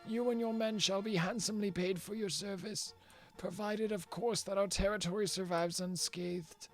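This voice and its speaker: A man's voice: sits high, steady tone, normal speed, soft background music, voice pushed up. A man doing a pompous old royal envoy. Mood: formal. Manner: formal, stately delivery. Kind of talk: reading game dialogue aloud.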